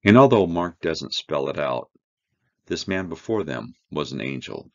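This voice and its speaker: A man teaching a verse-by-verse Bible study, reading scripture aloud and explaining it with slow, earnest emphasis. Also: a bass voice, sing-song, vocal fry, dull audio.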